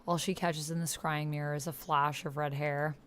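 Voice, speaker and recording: With a deep voice that barely shifts in pitch, a woman chats casually while hosting and playing an online text roleplaying game, reasoning aloud and reading some passages. Her pace is moderate, and there is a little hiss or hum.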